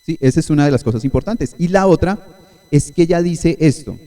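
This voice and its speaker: A man's voice: on the high side, animated, a little fast, mellow. A male pastor preaching a Sunday sermon at a church service, teaching in an explanatory way and often checking in with his listeners.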